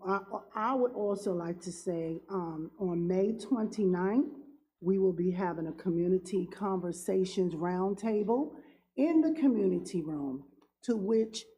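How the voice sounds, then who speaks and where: Councilwoman with a cold; slow, earnest, halting delivery in a dark, low voice. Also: poor audio. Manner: halting, many ums, earnest. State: has a cold, cough drop in mouth. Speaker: town councilwoman. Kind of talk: closing remarks at a council meeting.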